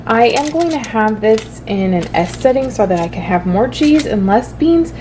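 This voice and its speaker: A woman's voice: fairly high pitch, lively intonation, moderate pace, a little mellow. Woman chatting over noticeable background noise. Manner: informal, explanatory, loosely improvised. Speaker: vlog host showing home cooking. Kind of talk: casual cooking vlog chat to viewers. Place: home kitchen.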